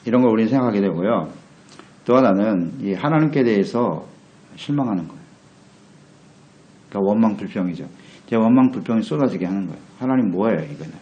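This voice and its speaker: A man's voice: on the low side, expressive, a little fast, pauses often, highs cut off. A male pastor preaching a meditation sermon, earnest, putting rhetorical questions to his listeners. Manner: earnest, asks the congregation rhetorical questions, acts out quotes.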